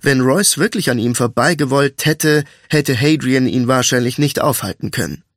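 A man reads a fantasy audiobook in an even, measured way. His mid-range voice sits close to the mic in a dry, dead studio sound. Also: mid-range voice, dry recording. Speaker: audiobook narrator. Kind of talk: scripted fantasy narration.

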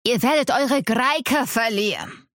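A woman voicing an urgent, pleading male warrior in an audiobook, raised and forceful. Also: on the high side, takes it slowly, dry recording, clean studio sound, voice pushed up. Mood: desperate.

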